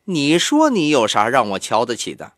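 A man reading an audiobook, voicing a hot-headed young man who taunts in a raised, sharp voice. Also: mid-range voice, huge pitch swings, normal speed, dry recording, clean studio sound. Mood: mocking.

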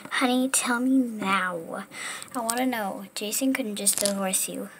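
A woman's voice: medium pitch, a little slow, lightly acted. A woman voicing a bossy, fussy mother who scolds her teenage daughter in a homemade toy figure film. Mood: demanding. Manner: scolding, nagging, self-important. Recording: home recording with steady background noise.

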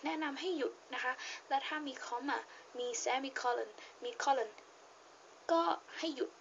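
A high-voiced young woman with a Thai accent gives a casual reading lesson, speaking slowly and patiently. She repeats key points and leans hard on stressed words when reading. The recording is a bit dull, with a faint hiss underneath. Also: gravelly. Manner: patient, repeats points with frequent polite particles; reads English passage slowly with stressed words. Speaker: English teacher.

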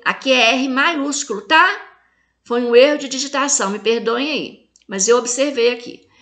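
A woman teacher with a Brazilian Portuguese accent, giving a recorded video lesson to young pupils. She walks through the homework step by step and talks to the children warmly and affectionately. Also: a little high. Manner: clear step-by-step instructions. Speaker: primary school teacher.

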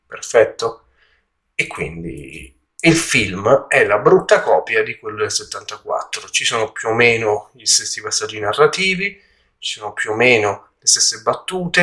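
A man giving a casual spoken film review, haltingly, often searching for words, in a slightly echoey room. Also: on the low side, pushed and bright. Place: indoor room at home during a move.

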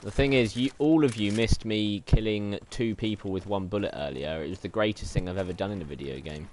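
A man giving casual, joking commentary while playing a video game, with excitable, shouty reactions. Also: fairly low pitch, fairly quick, a little hiss or hum. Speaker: game streamer.

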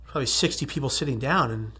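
Husky man telling his story earnestly. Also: mid-range voice, fast talker. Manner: earnest storytelling, swings from quiet whispers to emphatic rises. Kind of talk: personal testimony talk.

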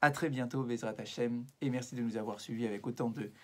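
A man teaches an evening religious lesson as a rabbi, in a voice of ordinary middle pitch. He explains step by step, checks in with his listeners, and slips Hebrew passages in among his hesitant, thoughtful phrasing. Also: fairly even intonation, fast, darkish tone. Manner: explanatory, weaves Hebrew passages into French, frequent "euh" and "d'accord".

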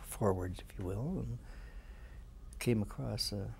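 An elderly Canadian man in his seventies, a veteran remembering his service in an interview in a halting, plain-spoken way. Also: on the low side, gravelly, darkish tone, slight background noise. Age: 70s. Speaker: war veteran being interviewed. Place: small indoor room with flags. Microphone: lapel mic.

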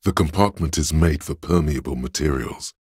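A man gives voice to the cold, logical inner voice in a detective's mind for a video game, measured and analytical. His very deep voice is gravelly and husky, a little mellow, recorded at studio quality with no echo.

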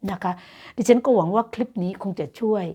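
A woman's voice: mid-range voice, brisk, dark tone. A Thai woman teaching Dutch grammar in a casual online lesson, explaining patiently and encouraging her students. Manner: encouraging and motivational.

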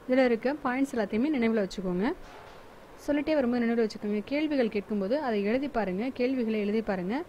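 A woman's voice: fairly high pitch, fast talker, dark tone, muffled recording, a little hiss or hum. A woman explaining a school lesson in a chatty, repetitive way, often restarting her words. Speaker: teacher.

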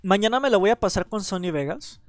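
Excitable Mexican streamer with a cold. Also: male voice, high-pitched, fast, dry recording, faint music behind. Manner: excitable, stammering repeats, frequent laughter. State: has a cold. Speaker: livestreamer. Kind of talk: casual gaming livestream chat.

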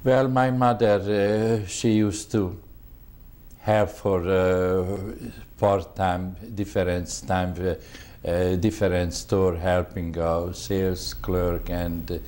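A man in his seventies from Hungary, speaking English with a Hungarian accent in an oral history interview, halting and polite as he searches for words. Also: sits low, flat delivery, darkish tone. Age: 70s. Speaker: veteran interviewee.

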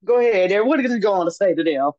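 A woman's voice: mid-range voice, lively intonation, fairly quick, dark tone, no room sound. A woman teaching a Bible class on a video call, interjecting and building into fervent preaching. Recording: dull, dry video-call audio.

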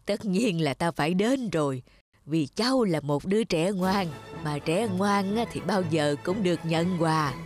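A woman voicing a kindly old Santa Claus who speaks slowly and gently in a cartoon, over background music. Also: fairly low pitch, expressive. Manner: slow, gentle, benevolent.

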